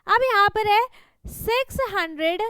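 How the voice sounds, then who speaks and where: A woman teaches children a maths worksheet step by step, patient and repetitive, often checking that they follow. Her voice sits very high. The sound is dry and close, with no room echo. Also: measured pace, sharp tone. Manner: patient, repeats "thik hai?" and "hai na?" to check understanding.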